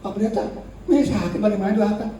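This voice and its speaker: A male pastor preaching in a lively, colloquial way, slipping into slang and acting out the people he quotes. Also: high-pitched, fast talker. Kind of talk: sermon. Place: church hall. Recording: echoey church hall, distant mic, faint noise.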